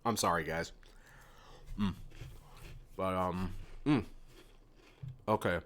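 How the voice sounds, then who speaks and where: A man's voice: deep voice, slow, fairly bright tone. A young man chatting casually on a live stream, answering viewers' questions and rambling enthusiastically about music, often restarting his sentences. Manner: rambling, with many restarts and fillers.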